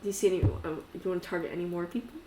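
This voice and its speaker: A woman's voice: lowish voice, steady tone, racing. A woman acting as game master, narrating a tabletop game in a casual, informal, giggly way. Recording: echoey room with clear noise.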